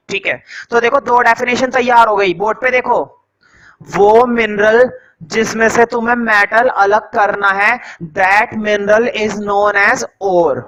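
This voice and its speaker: A man teaching a science class, slowly dictating notes to students and quizzing them with repeated questions. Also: high voice, pushed and bright, low-quality recording. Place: classroom with a board.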